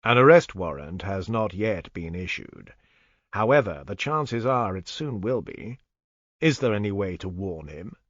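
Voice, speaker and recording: A man reading an audiobook, voicing a polished London gentleman who speaks with urgent concern. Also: fairly low pitch, big pitch swings, a little slow, no room sound, full character voice. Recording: dull, dry studio recording.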